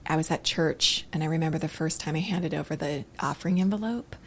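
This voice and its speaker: A woman's voice: sits low, quick pace, slight background noise. A woman guest on a podcast, an artist telling stories animatedly, laughing often and acting out quotes. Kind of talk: casual podcast chat.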